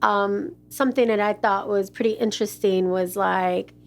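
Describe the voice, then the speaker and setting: A woman's voice: medium pitch, fairly even intonation, normal speed. A woman co-hosting an interview who asks friendly questions with plenty of hesitations. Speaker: interview co-host. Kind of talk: casual interview chat.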